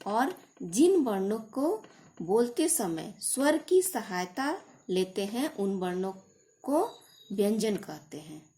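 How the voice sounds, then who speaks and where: A woman teacher giving a grammar lesson, explaining slowly and repeating definitions, sometimes correcting herself. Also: medium pitch, dark tone. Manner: slow, deliberate explanation with repetition; corrects herself mid-sentence.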